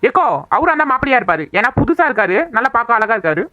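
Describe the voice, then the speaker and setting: A woman voicing a chatty, bossy young village woman in a cartoon, talking fast and scolding. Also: fairly high pitch, very animated, sharp tone, dry recording, lo-fi sound. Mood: plotting. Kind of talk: cartoon voice acting.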